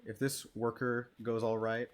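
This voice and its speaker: A man's voice: medium pitch, level tone, a little slow, a little hiss or hum. A man hosting his own gaming channel, giving laid-back, self-deprecating gameplay commentary and swearing freely as he plays.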